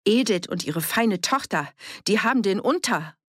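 A reader voicing a worried, sharp-tongued village woman in an audiobook, pleading and raising the voice. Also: mid-range voice, expressive, moderate pace, no room sound, studio quality, voice pushed up. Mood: agitated. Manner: agitated, pleading, raised voice. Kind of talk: audiobook character voice.

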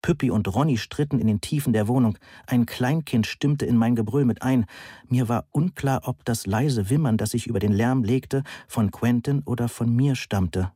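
A man's voice: mid-range voice, moderate pace, dark tone, slightly rough, no echo. A man reading an audiobook in a dry, wry storytelling manner. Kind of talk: audiobook narration.

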